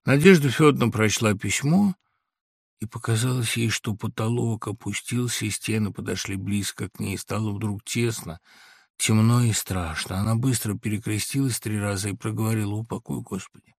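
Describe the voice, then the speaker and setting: A man narrating a classic story as an audiobook, reading in a measured, dramatic way. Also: fairly low pitch, husky, no room sound, clean studio sound.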